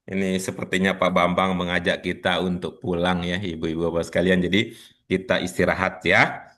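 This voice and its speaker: A man leads an online class over a video call, talking casually and joking with the students. His voice is lowish and bright, with a forceful edge. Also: little pitch movement, moderate pace. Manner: chatty, teasing, laughs often. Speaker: teacher.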